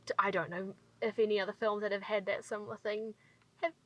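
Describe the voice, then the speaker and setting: A woman reviewing a film in casual podcast chat, animated and emphatic, swearing when frustrated. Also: medium pitch, quick pace, rough recording. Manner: animated and emphatic, swears, frank about her fears. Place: inside a car.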